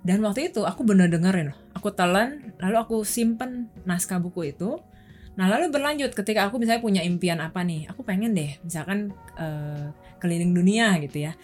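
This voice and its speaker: A woman's voice: mid-range voice, expressive, a little fast, a little mellow, soft background music. A young adult woman from Indonesia, a guest on a chat show, telling candid personal stories in a casual way.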